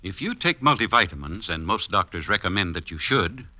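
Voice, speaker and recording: Chipper 1950s ad druggist pitchman. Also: big pitch swings, a little fast, sharp tone, no room sound, full character voice. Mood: upbeat, reassuring. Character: reassuring family druggist selling vitamins. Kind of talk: chipper 1950s radio advertisement. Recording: muffled old radio recording.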